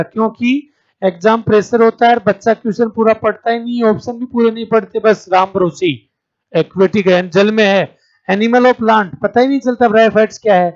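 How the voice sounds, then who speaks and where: A man's voice: sits high, lo-fi sound. A man teaching an exam-prep lecture, who asks the class each question and then answers it, calling his students "beta" and checking in with "theek hai". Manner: calls students 'beta', checks understanding with 'theek hai'.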